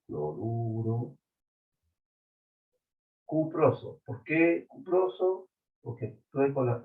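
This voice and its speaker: A man teaching chemistry at an unhurried pace. He walks through each step and keeps checking that his students follow. His voice comes over a thin, phone-like video call line. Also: mid-range voice, breathy edge. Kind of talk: online class lecture.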